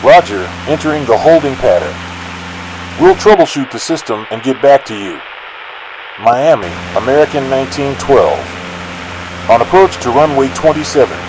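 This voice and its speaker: A man speaking as an airline pilot over the radio, making clipped, even calls to air traffic control. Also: mid-range voice, moderate pace. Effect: pilot talking over the radio from far off. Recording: noisy radio channel.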